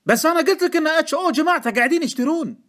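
Man voicing a shrill pushy stock tipster. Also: expressive, normal speed. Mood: indignant. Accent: Gulf Arabic. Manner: insistent, indignant, loud. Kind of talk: audiobook character voice.

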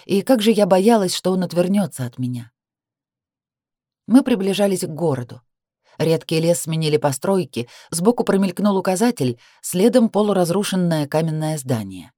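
A woman reading a romance novel aloud in an expressive narrating voice. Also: moderate pace, dry recording, studio quality. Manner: expressive reading, rising high for the heroine's cries. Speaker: audiobook narrator.

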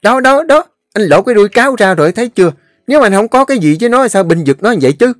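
A man voicing a jealous, excitable village councilman who talks in a shrill, rapid, accusing way. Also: dry recording, studio quality, faint music behind.

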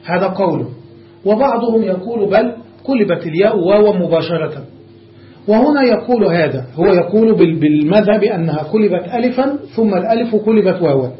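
A man's voice: high-pitched, lively intonation, brisk. A man teaching a classroom grammar lesson, explaining step by step and often stopping to check that his students follow. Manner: explains step by step, checks understanding with repeated questions. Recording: dull echoey classroom recording.

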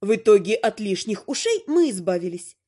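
A woman narrating an audiobook in first person, with a lively, theatrical delivery. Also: mid-range voice, moderate pace.

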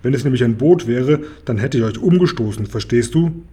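A man's voice: mid-range voice, expressive, fairly quick, dark tone. A man reading aloud, voicing a grumpy, grumbling hippo in a children's story. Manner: grumbling, gruff.

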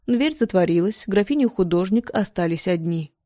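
A woman narrates a novel in a calm, measured reading voice. Her tone is dark and mellow. The recording is dry and close, with no room sound. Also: mid-range voice, dry recording.

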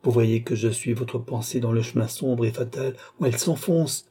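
A man's voice: medium pitch, steady tone, moderate pace, dark tone, husky, natural voice. A man reading an audiobook, voicing a young nobleman who pleads in impassioned, anguished outbursts.

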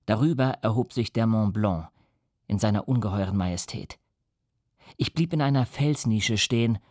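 Male audiobook narrator: calm, even storytelling, mid pitch, dry close sound. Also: no echo.

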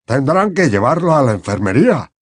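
A man voicing a flustered, panicky middle-aged male minister who stammers and halts with fillers, in a breathy voice. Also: medium pitch, very animated, dry recording, studio quality, pitched above the performer's own voice. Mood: panicked. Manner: frantic, halting with fillers.

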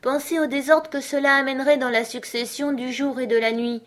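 A woman's voice: high-pitched, flat delivery, brisk, pitched above the performer's own voice, close to an everyday voice. A woman voicing a polite, timid young girl in a storybook reading, earnest and a little anxious.

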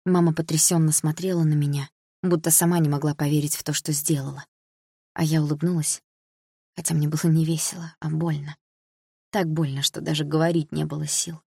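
Husky, lower-pitched woman narrator, first-person audiobook read, dry studio sound. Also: flat delivery, fairly quick, warm tone, no room sound.

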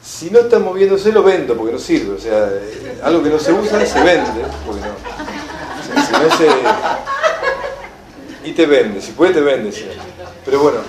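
Man, Rioplatense accent, lively lecturer, fairly high voice, roomy echo. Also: measured pace, crowd noise. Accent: Rioplatense Spanish. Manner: animated storyteller, acts out shouted quotes. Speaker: enneagram teacher.

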